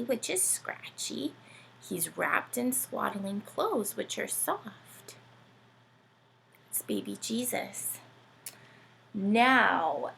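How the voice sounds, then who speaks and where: In a low-quality recording with slight background noise, a woman with a gravelly, mid-range voice reads and chats to young children. The children's read-aloud host is playful, animated and sing-song, frequently asking her listeners questions.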